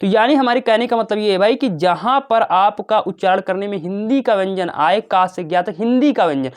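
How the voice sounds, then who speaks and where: A young man with a high-sitting voice teaches a casual lesson at a fairly quick pace. Chatty and brotherly, he calls his students "bhai" and "babu" and poses questions only to answer them himself.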